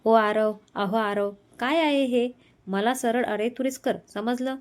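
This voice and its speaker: A woman's voice: a little high, measured pace, natural voice. A teasing, tender young husband read by a woman. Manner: teasing, affectionate. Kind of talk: storybook reading.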